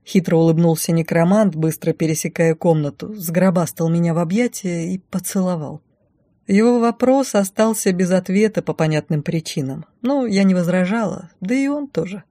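A woman's voice: lowish voice, moderate pace, warm tone, no echo. A woman reading a first-person story aloud with a dry, ironic delivery. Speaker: audiobook reader. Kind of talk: scripted first-person narration.

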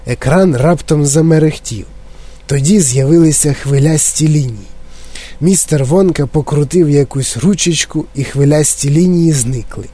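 Man reading a children's story, mellow voice. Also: on the high side, moderate pace, husky. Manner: expressive storytelling. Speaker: narrator. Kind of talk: audiobook narration of a children's novel.

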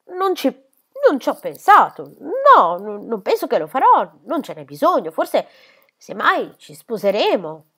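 Woman voicing a coquettish young lady, teasing and airy, lively swooping pitch, audiobook reading. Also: unhurried, breathy edge, exaggerated voice.

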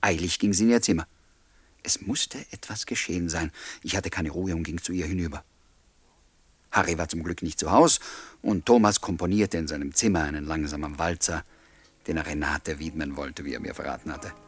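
Rumbling low and husky, this man's voice moves a little fast with no room sound. He acts as the narrator and lead of a radio play, an earnest writer sick with love, sharing his tale in confiding, wistful first-person narration and dialogue.

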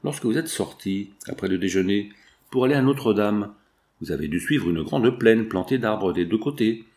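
A man reading the part of a shrewd gentleman investigator who reasons things out calmly. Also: lowish voice, normal speed, lightly acted.

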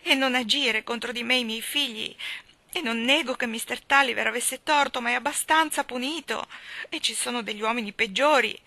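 A woman's voice: fairly high pitch, vocal fry, bright, forceful tone, dry recording, voice pushed up. A woman reading an audiobook, voicing a fretful middle-aged miller's wife who rambles and pleads anxiously.

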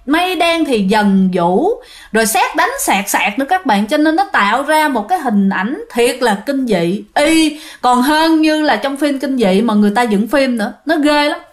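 A woman telling ghost stories in a casual, chatty way, often speaking straight to her listeners. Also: sits high. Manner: chatty, addresses listeners directly, with fillers. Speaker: ghost story narrator. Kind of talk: casual spoken storytelling.

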